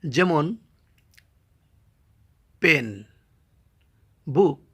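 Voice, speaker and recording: Bangladeshi male teacher, gravelly, fairly high voice, drawn-out syllables for a lesson. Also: fairly bright tone. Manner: slow, spells words out syllable by syllable. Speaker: English teacher. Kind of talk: grammar lesson.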